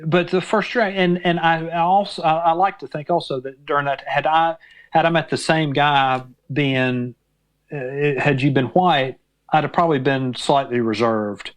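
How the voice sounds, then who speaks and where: A man's voice: fairly high pitch, steady tone, moderate pace, rough recording. A man from Mississippi, a guest in a conversational interview, who hesitates and restarts often while searching for words.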